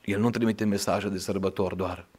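A man's voice: fairly even intonation, slightly rough. Romanian man preaching with rising fervor. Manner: rises to loud, high-pitched emphatic preaching. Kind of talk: sermon.

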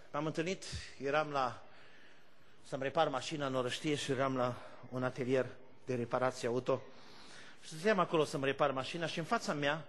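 A male pastor preaching a fervent sermon, shifting between shouted praise and quiet storytelling. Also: medium pitch, slight background noise.

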